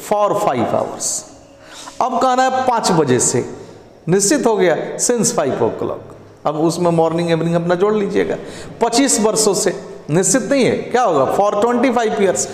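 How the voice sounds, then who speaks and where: Male grammar teacher, high voice, deliberate pacing, echoey room with a long tail. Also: a little mellow. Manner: explains step by step and keeps asking "Is that clear?"; speaks slowly and deliberately, dictating. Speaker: English teacher. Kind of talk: exam prep lesson explaining grammar answers.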